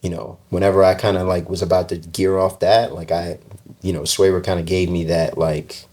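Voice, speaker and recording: A man with a low, deep voice, a fashion designer guest who grew up in the UK. He tells his stories in relaxed, casual interview chat. He leans on "like" and "you know" as fillers and laughs easily. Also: moderate pace. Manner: relaxed storytelling, many "like" fillers, laughs often.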